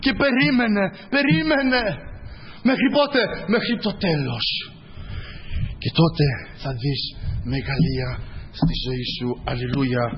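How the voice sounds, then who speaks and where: A man preaching a sermon with fervent, repeating phrases and frequent hallelujahs, his voice hoarse. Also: high voice, in a large hall, highs cut off, slight background noise.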